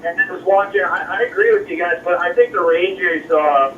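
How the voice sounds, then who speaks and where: A man from Florida calling in to a sports talk show, talking haltingly and repeating words, heard over a phone line that keeps cutting in and out. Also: sits high, steady tone, fairly bright tone, a little hiss or hum. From Florida, USA. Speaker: radio show caller. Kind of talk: casual call-in sports chat. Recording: muffled distant phone line.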